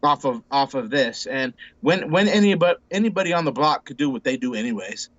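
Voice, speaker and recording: This forties-aged man, a relaxed interview guest, talks in a brisk, animated way at medium pitch, captured on a dry, dull-sounding recording. His casual chat wanders, full of false starts and repeated words, with plenty of "bro" and "dude."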